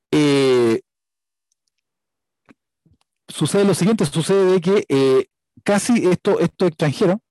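A man's voice: a little high, a little mellow, dry recording, rough recording. A man with a Chilean accent preaching a conversational sermon and telling a personal story. He keeps checking in with his listeners by asking "right?".

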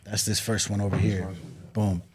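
A man's voice: fairly low pitch, flat delivery, moderate pace, a little mellow, a little hiss or hum. A man, a rapper, casually promoting his work in slangy talk, repeating catchphrases and words for emphasis. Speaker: rapper promoting merchandise and music.

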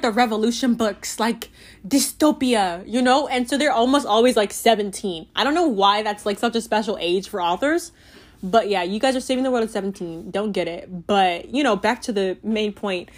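A young woman chatting casually about a book she loved, gushing and giggly, with many filler "like"s. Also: a little high. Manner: giggly and animated. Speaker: book reviewer. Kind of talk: casual book review chat.

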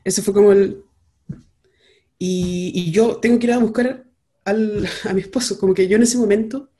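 Chilean woman vlogger, casual slangy storyteller, mellow warm tone. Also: mid-range voice, steady tone, normal speed. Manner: chatty, rambling, heavy slang and fillers.

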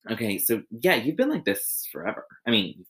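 A young woman hosts a casual podcast in a very low voice that still swings widely in pitch. She teases her guest with crude language and keeps breaking into loud laughs. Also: huge pitch swings, moderate pace. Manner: crude, teasing, laughs loudly. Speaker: podcast host.

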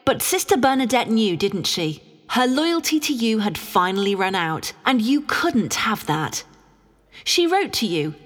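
A woman acting as a sharp lady sleuth in an audio drama, her voice ringing through a long hall reverb. She is highish in pitch and sweeps up and down as she declaims like an accuser. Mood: righteous, condemning. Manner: theatrical, declamatory. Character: Ginger, sharp accusing amateur woman detective, loving beneath.

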